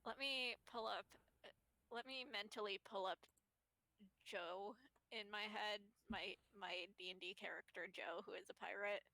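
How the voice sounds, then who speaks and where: A woman's voice: mid-range voice, steady tone, moderate pace, gravelly, bright, forceful tone, no room sound, poor audio. A woman game master narrating a tabletop game in a playful, chatty, improvising way.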